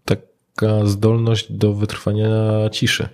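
Man, lowish voice, podcast host, measured, thoughtful, hesitant fillers. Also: monotone. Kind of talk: casual podcast conversation.

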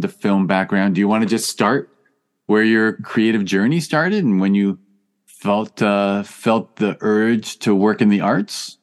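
A man hosting a podcast in a casual, conversational interview style. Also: on the low side. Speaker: podcast host.

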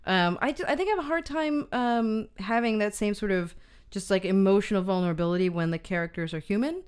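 A woman's voice: mid-range voice, a little fast, darkish tone, clean tone. A woman co-hosting a film podcast, chatting casually and hesitantly with many fillers and restarts. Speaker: podcast co-host. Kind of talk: casual film review chat.

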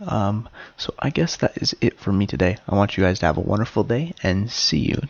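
A man's voice: fairly low pitch, expressive, brisk, gravelly, husky, no room sound, lo-fi sound. A man hosting his own show, talking casually and hesitantly with fillers. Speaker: podcast host.

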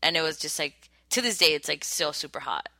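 A woman's voice: deep voice, lively intonation, a little fast, bright, forceful tone, no echo. A woman in her thirties co-hosting a podcast, talking casually and a bit bashfully, with many fillers and nervous laughs. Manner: chatty, giggly and bashful, lots of fillers. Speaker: podcast co-host. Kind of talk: casual chat.

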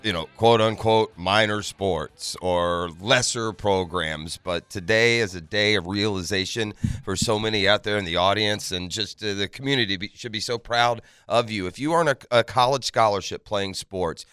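A man works as a morning show host on sports radio, with a bright, clear voice. He talks in an earnest, conversational monologue aimed right at the listeners, leaning on his points. The sound is dry and close, as on a studio microphone. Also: on the low side, moderate pace, few pauses, no room sound. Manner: earnest, emphatic, addresses listeners directly.

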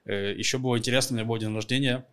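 A man's voice: medium pitch, fairly even intonation, rapid-fire, a bit bright. A man in his thirties co-hosting a podcast in casual chat, rambling through a story and laughing often. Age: 30s. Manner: rambling, laughs a lot, uses fillers like "вот". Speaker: podcast co-host.

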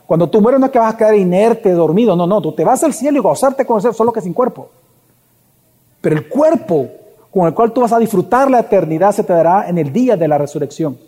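High-voiced pastor preaching in an echoing hall. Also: male voice, mellow. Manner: preaching with rhetorical questions to the congregation. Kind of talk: sermon.

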